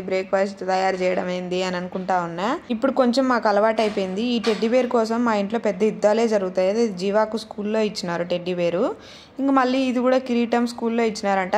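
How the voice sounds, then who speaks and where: A Rayalaseema-accented woman in her thirties tells her viewers about her household's day in an easy, homely way. Her voice sits at an ordinary middle pitch. It sounds like a relaxed, chatty vlog voice-over. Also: slight background noise. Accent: Rayalaseema Telugu. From Andhra Pradesh, India. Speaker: vlogger and mother. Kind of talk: casual narrated vlog voice-over.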